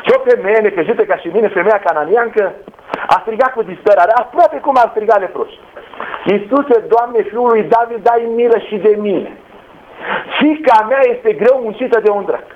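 A man preaching a sermon with passion, retelling scripture stories and rising to shouts. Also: high voice. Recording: dull lo-fi sound with faint noise.

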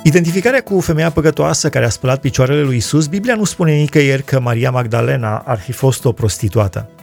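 A man reading Bible passages aloud and explaining them in a measured way, citing chapter and verse. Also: medium pitch, animated, vocal fry, a little mellow, faint music behind. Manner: measured reading with scripture references. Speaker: Bible teacher.

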